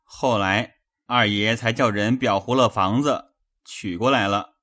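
A woman voicing a frightened young male servant who pleads and hurries through his confession in a lowered voice. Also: a little slow, a bit bright, exaggerated voice. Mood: cowering, pleading.

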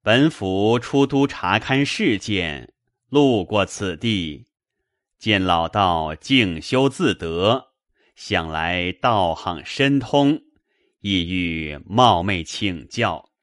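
A man's voice: sits low, lively intonation, extremely slow, a bit bright, no room sound, clean studio sound, exaggerated voice. A man doing a courteous scholar-official. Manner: polite, formal, deferential speech.

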